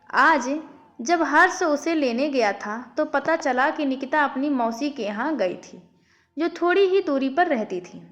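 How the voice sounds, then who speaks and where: A woman with a high, fairly bright voice narrates a scripted family moral story as an audiobook. Faint music plays in the background.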